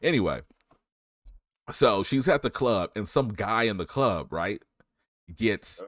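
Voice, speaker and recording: A man co-hosting a podcast, retelling a movie's plot in a casual, animated way, full of slang and jokes. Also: on the low side, slow pace, no room sound, clean studio sound. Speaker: podcast co-host. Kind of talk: casual movie recap chat.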